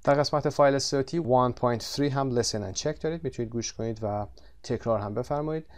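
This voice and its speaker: In a textbook lesson, a man with a medium-pitched voice teaches English vocabulary. He draws the English words out slowly and explains quickly between them.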